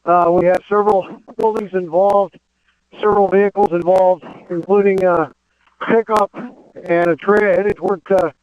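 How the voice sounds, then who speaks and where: High-voiced man, urgent firefighter radio. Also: fairly even intonation, moderate pace, a little mellow, clear, resonant tone, no echo. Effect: two-way radio transmission. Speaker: firefighter reporting to command. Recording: dull lo-fi two-way radio.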